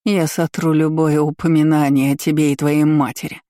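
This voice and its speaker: A man's voice: a little high, normal speed, darkish tone, dry recording, studio quality, lightly acted. A man voicing a spiteful, scheming middle-aged empress who sneers and snaps orders, in an audiobook reading. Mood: gloating. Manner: sneering, imperious, snapping orders.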